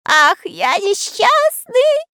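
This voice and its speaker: A woman voicing a boastful, cowardly tiny male forest elf in a storybook reading, with a shrill, wailing manner. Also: big pitch swings, very slow, sharp tone, no echo, studio quality, heavily acted.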